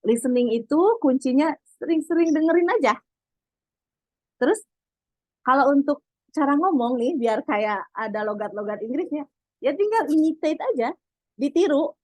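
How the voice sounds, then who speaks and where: A young woman teaching an online English class in a relaxed, chatty way, dropping English phrases into her speech. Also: high-pitched, normal speed, long pauses, no echo, poor audio. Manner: chatty, mixes in English phrases, refers to herself as Teteh. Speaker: English tutor.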